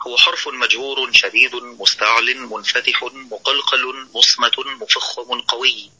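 A man giving a tajweed recitation lesson, explaining each rule deliberately and demonstrating how the sounds should be made. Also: mid-range voice, steady tone, bright, forceful tone, slightly rough, low-quality recording. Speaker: Quran recitation teacher.

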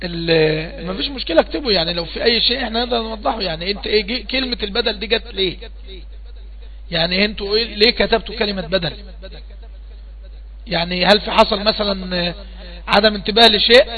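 High-pitched Egyptian man teaching tajweed. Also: phone-quality sound. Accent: Egyptian Arabic. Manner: patient questioning, repeats points slowly. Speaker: Quran recitation teacher. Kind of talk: online tajweed lesson.

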